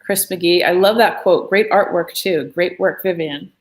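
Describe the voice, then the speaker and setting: A woman with a somewhat low voice hosts a live art lesson from her studio, chatting loosely, with plenty of filler words and asides. She talks casually and never reads from a script. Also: unhurried, low-quality recording. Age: adult. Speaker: art class host.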